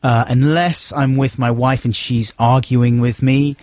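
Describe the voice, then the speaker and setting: A man's voice: mid-range voice, steady tone, unhurried, a little mellow, dry recording. A man co-hosting a radio show, rambling and self-mocking in casual chat. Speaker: radio co-host. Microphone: studio mic. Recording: dry studio sound.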